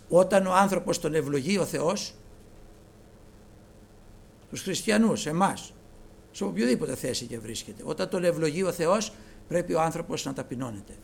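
Fervent preacher with a gravelly voice. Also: male voice, a little high, a little hiss or hum. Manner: impassioned, swinging from hushed to loud. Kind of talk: sermon to a congregation.

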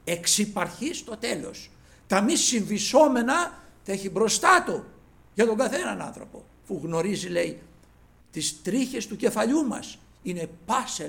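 Gravelly preacher with soaring dramatic swings. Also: male voice, sits high. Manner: dramatic swings from loud exclamations to hushed asides; addresses listeners as brothers. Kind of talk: sermon.

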